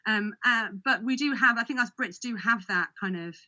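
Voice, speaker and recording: Chatty woman with a bright voice. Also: a little high, moderate pace, lo-fi sound. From Hawaii. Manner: chatty, laughs often, restarts sentences. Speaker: guest. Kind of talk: casual conversational storytelling.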